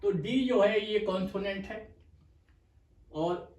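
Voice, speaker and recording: A man teaching a shorthand lesson, explaining patiently and repeating slowly for dictation, with terms spoken. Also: high-pitched, a little mellow. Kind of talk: slow explanatory lecture. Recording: echoey room, mic far off.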